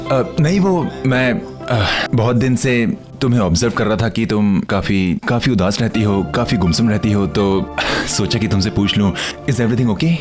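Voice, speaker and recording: An actor playing a kind office boss who speaks hesitantly with many pauses. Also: male voice, fairly low pitch, music in the background, close to an everyday voice. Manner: hesitant, halting speech.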